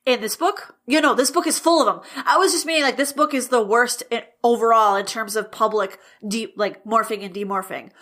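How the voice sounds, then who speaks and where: A woman co-hosting a casual book-discussion podcast. Her voice sits a little high and sounds bright and sharp. She talks bluntly and with exasperation, swearing freely. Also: fairly quick, hardly any pauses. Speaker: podcast co-host.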